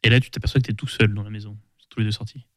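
A man's voice: on the low side, steady tone, rapid-fire, no echo. Terse man running a tabletop game. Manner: terse, matter-of-fact. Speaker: game master. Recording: dry close mic.

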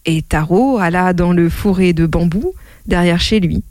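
A woman reading a children's tale aloud as a storyteller, in an expressive, drawn-out way. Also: lowish voice, dry recording.

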